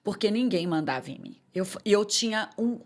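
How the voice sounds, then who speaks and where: A woman's voice: medium pitch, expressive, fairly quick. A woman pastor telling her personal testimony in conversation, emotional and acting out the voices she quotes. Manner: emotional storyteller who acts out quoted voices.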